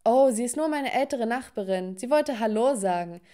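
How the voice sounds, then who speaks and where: A woman voicing a dismissive, mocking teenage boyfriend in a narrated animated story. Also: a little high, normal speed, close to an everyday voice. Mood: casual.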